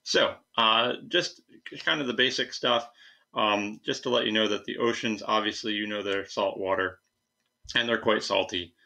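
A young man gives an informal science lecture in a low voice with some fry in it. He explains in a halting, conversational way, talking students through his slides. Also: pushed and bright. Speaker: science teacher. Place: indoors, recorded at a computer.

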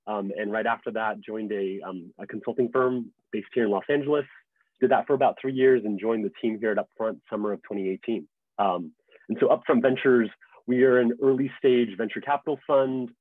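A man's voice: fairly low pitch, breathy edge, no echo. Man on a tinny video call. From Hong Kong. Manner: relaxed, measured, frequent ums. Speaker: venture capital investor. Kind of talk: video call panel talk. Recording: tinny phone-like call audio.

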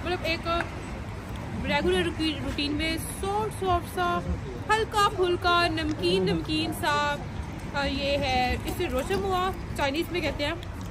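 A young woman from Pakistan, chatty and upbeat, narrating a casual vlog to a phone held at arm's length on a city street at night. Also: high-pitched. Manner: chatty, upbeat, talks straight to camera. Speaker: vlogger. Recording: loud street noise.

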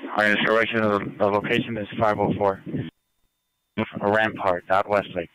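Low, flat-voiced man giving radio status reports. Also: moderate pace, clean tone, no room sound, rough recording. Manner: procedural relaying of unit reports. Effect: police radio. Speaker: police radio dispatcher. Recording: police scanner radio transmission.

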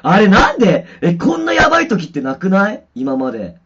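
A man's voice: high-pitched, huge pitch swings, brisk, fairly bright tone, husky. A man livestreaming from home, rambling casually with many fillers while checking his mic and guitar sound. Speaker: musician livestreaming. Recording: dull lo-fi stream audio with distortion.

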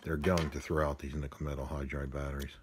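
Fast and flat, this bass-voiced man is an amateur unboxing vlogger sitting indoors at a table. He chats off the cuff while handling gadgets, muttering to himself with playful, mildly crude humor, and the noisy phone-camera recording at home picks up device clicks.

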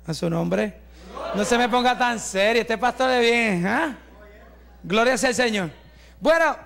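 Pastor in his forties: very high, bright, gravelly voice; fervent preaching with shouts and jokes. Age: 40s. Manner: fervent preaching, rising to shouts, with joking asides. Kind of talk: testimony sermon.

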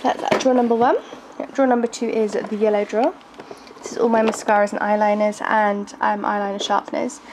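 A young beauty vlogger with a groggy voice casually shows off her makeup collection in her bedroom, chatty yet hesitant, with frequent ums and little laughs. Her pitch is medium with little movement, and she talks fairly quickly. It's a noisy home video, filmed close on a handheld camera.

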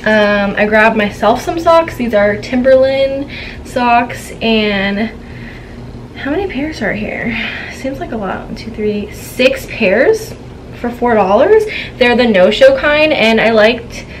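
Young woman vlogger, chatty and giggly haul talk, higher voice, background noise, home room, camera mic. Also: lively intonation, takes it slowly, poor audio. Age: young adult. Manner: chatty, giggly, gossipy storytelling. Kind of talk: casual haul chat. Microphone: camera on a tripod, seated.

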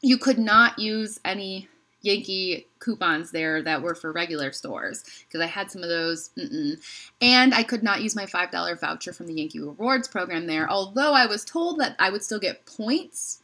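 Young woman, bright tone, rambly haul-vlog talker, recorded at home on the camera mic. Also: mid-range voice, animated, moderate pace. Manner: chatty, rambling, lots of "like" and trailing off. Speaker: candle haul vlogger. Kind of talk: casual haul review to camera. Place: indoors, home room.

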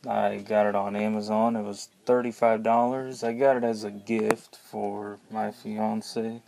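A young man giving a casual, unscripted product demo in a plain-spoken, halting, informal way, recorded at uneven volume on a tablet. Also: lowish voice, creaky, a little mellow. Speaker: amateur YouTube product reviewer. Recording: noisy homemade tablet recording, uneven level.

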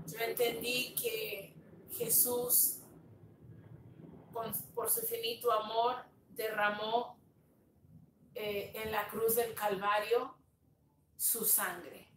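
A woman pastor speaking slowly and tenderly on a livestream, sharing a testimony and greeting viewers, sometimes slipping in English words. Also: fairly high pitch, steady tone, reverberant, recorded from a distance, slight background noise. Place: home room, dim. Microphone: phone on a live stream.

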